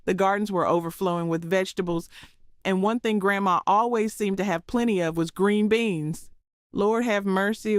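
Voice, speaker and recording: A woman from the southern United States, with a Southern accent and a fairly low, smooth voice, tells a homespun, preachy story as though reading cooking wisdom from a script. The studio recording is clean, with no room sound.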